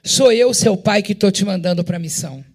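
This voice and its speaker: Uma pastora brasileira com sotaque brasileiro dando voz a Deus como um pai amoroso, que fala com calma e firmeza para tranquilizar. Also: female voice, mid-range voice, moderate pace, close to an everyday voice. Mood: tender. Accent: Brazilian Portuguese. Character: God speaking tenderly as a loving father.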